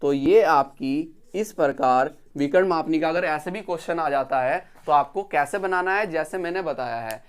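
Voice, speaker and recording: A man teaching engineering drawing in a recorded video lecture. He repeats each step, counts slowly as he draws, and checks that students are following. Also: a little high, clear, resonant tone.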